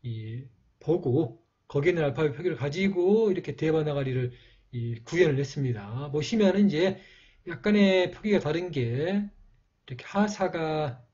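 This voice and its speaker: A man's voice: on the high side, lively intonation, a little mellow, breathy edge, highs cut off. A man teaching a writing lesson, explaining each stroke patiently and stopping often on fillers. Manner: slow, patient, with frequent fillers. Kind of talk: calligraphy lesson narration.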